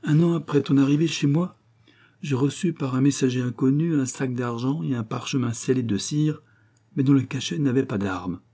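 A man's voice: mid-range voice, normal speed, warm tone, pitched above the performer's own voice, natural voice. A man voicing a kindly old forester, a father who is mock-severe at first, then fond and proud. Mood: proud, earnest.

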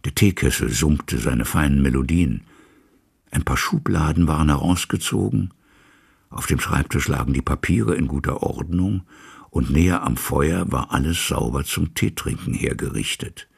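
Deep, very husky gravelly male narrator. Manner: measured, dramatic storytelling. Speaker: audiobook reader. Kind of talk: scripted literary narration.

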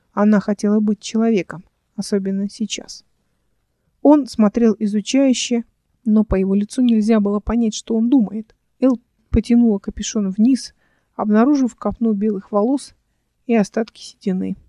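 An audiobook reader giving an even, measured narration of a novel. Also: mid-range voice, no echo. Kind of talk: scripted narration.

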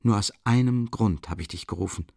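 A man's voice: on the low side, a little fast, gravelly, a little mellow, no echo. Tormented young man, read by a male narrator, agitated and bitterly mocking; dry close audiobook sound. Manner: agitated, musing half aloud, bitter mockery.

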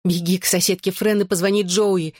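Man voicing a frightened sixteen-year-old girl, high and pleading. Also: level tone, a little fast, no echo, clean studio sound, lightly acted. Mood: desperate.

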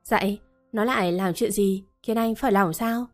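A woman's voice: mid-range voice, moderate pace, faint music behind, close to an everyday voice. A woman voicing a harsh middle-aged mistress of the house who scolds her maid with contempt. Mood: scornful.

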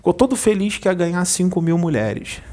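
A spiritual medium, a man, recounting a vision to his audience in an animated, repetitive storytelling manner. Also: high voice, brisk. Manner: animated storyteller, repeats himself.

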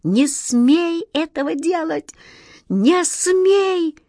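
A kind young wizard pushed to despair, crying out in anguish. A woman reads him in a storybook recording. His voice rises high and thin in a dry, close sound. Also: lively intonation, unhurried, darkish tone, no echo. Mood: desperate.

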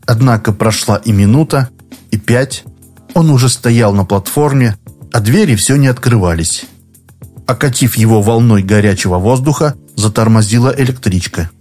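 A man narrating an audiobook in a measured, expressive storytelling manner. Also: mid-range voice, soft background music.

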